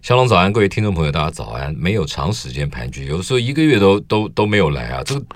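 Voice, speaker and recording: A Taiwanese-accented man joins a radio studio as a food expert, his very deep voice swinging widely in pitch. He teases the host with sharp wit and crisp, clear diction, and the close recording sounds dry. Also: sing-song, no room sound. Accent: Taiwanese Mandarin. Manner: quick-witted, teasing, crisp diction. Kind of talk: casual studio banter.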